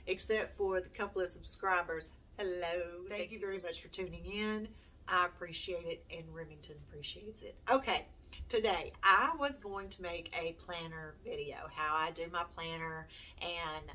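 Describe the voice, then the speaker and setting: Speaking at a moderate pace with a sharp edge, this fairly low-voiced middle-aged woman rambles self-deprecatingly to her camera. She's a homeschooling mom and YouTube host filming indoors in a small room at home. The mic sits far away and the room is noisy.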